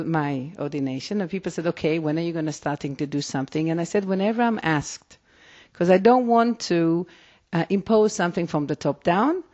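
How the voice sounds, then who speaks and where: In a dull lo-fi recording, a woman rabbi with a lowish, slightly mellow voice responds reflectively to interview questions. Hebrew is her native language, she speaks with an Israeli accent, and she tends to restart her sentences.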